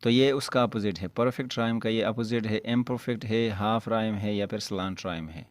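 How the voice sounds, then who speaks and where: A man's voice: lowish voice, a little fast, no room sound. A man teaching as an English lecturer, explaining step by step, often rephrasing his points and correcting himself mid-word. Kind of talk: explanatory lecture in Urdu-Hindi mixed with English.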